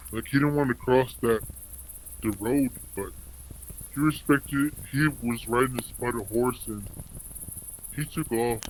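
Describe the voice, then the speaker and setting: A man's voice: medium pitch, slight background noise, poor audio. Anonymous male storyteller with an electronically altered voice, rambling and casual. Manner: rambling, filler-heavy, many "like"s. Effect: voice electronically altered to disguise it.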